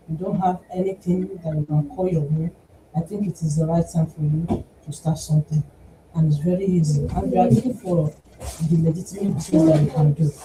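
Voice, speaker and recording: A woman's voice: lowish voice, mellow, a little hiss or hum. A woman from Nigeria, talking in a chatty, playful way on a live stream. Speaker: panelist. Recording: echoey, distant webcam mic.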